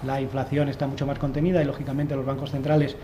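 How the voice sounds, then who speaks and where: A fund manager in his thirties, seated on a conference-room panel with a desk microphone, lays out his analysis with frequent restarts. His medium-pitched voice is flat and quick-paced, against some background noise.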